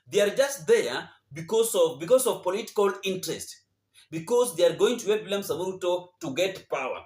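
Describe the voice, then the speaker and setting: A Kenyan man with a high voice delivers unscripted political commentary in an echoey room. He sounds indignant, repeating himself and posing rhetorical questions.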